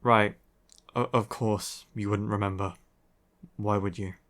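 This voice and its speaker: This is roleplay audio acting in ASMR style: a man plays a young vampire who is weary and grumpy, answering curtly and sardonically between heavy sighs. His lowish voice is fairly bright, with steady intonation and a measured pace. The mood is impatient and worn out.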